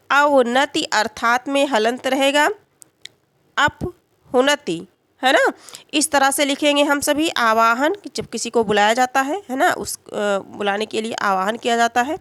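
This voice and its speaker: A woman teaching grammar for exams, who explains slowly, poses questions and answers them herself, and keeps checking in with her students. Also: sits high, a bit bright, no room sound. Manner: frequent "है ना" check-ins and "अ" fillers. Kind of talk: exam-prep grammar lesson.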